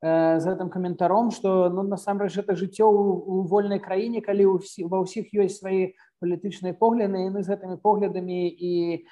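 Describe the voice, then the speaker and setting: A man offers remarks in a discussion with a very dark, muted timbre. He moves forward in halting pieces, restarting words as he goes. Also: sits high, flat delivery, highs cut off.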